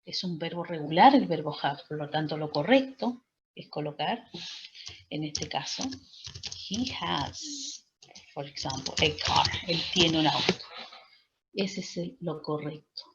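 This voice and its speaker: Woman, English teacher, patient step-by-step explainer, lowish voice, dull recording. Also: lively intonation, measured pace, heavy background noise. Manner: patient, explains step by step with frequent "¿cierto?" and "¿ok?" checks. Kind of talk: online class lecture.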